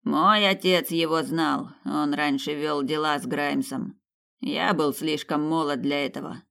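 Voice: medium pitch, fairly even intonation, creaky, bright, forceful tone. A reader doing a winded, weary middle-aged man. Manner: slow, breathless, sighing. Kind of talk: audiobook character voice.

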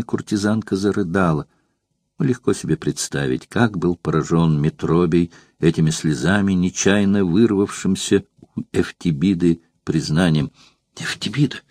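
A man reading literary narration in a measured, expressive way. His voice is low and husky. It is recorded close and dry, with no room sound around it. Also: no echo. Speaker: audiobook narrator.

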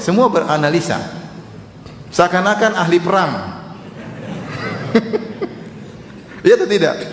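A man's voice: high-pitched, a bit bright, slight background noise. A man preaching a sermon in a conversational, teasing way, often throwing rhetorical questions to his listeners. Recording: echoey hall reverb.

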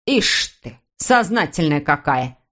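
A woman voicing a loud, bossy middle-aged housekeeper who barks orders and makes sarcastic jabs. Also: lowish voice, lively intonation, moderate pace, natural voice. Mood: snide. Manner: barking, sarcastic.

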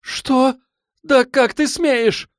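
A man reading an audiobook voices a furious, sobbing young noblewoman who lashes out in shrill, hissing outbursts. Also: drawn-out words, dry recording, clean studio sound. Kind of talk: audiobook character voice.

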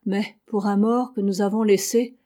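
A woman voicing a gentle, kindly old male ship's doctor in an audiobook, reading softly and sorrowfully. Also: medium pitch, steady tone, moderate pace, natural voice.

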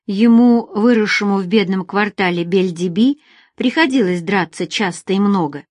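Female audiobook narrator, even and measured, dead-dry studio sound. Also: medium pitch, no room sound.

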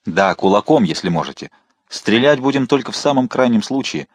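A man playing a bold, witty young musketeer officer who talks quickly and confidently, with a mocking edge. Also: mid-range voice, very animated, slightly rough, no room sound.

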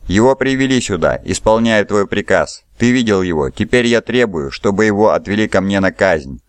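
A man's voice: fairly low pitch, expressive, normal speed, no room sound, natural voice. A man voicing an arrogant, impatient male priest who speaks in a demanding way. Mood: haughty. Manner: haughty, demanding.

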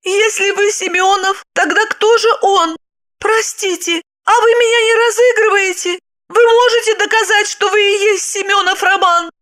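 A woman's voice: very high voice, steady tone, moderate pace, fairly bright tone, pitched above the performer's own voice. A woman voicing a frightened young woman who pleads and mumbles in a flustered, tearful way.

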